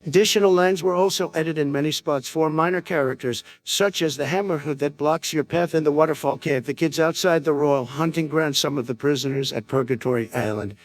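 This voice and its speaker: A man's voice: fairly high pitch, fairly quick, hardly any pauses. A man reading scripted comparison narration for a video game video.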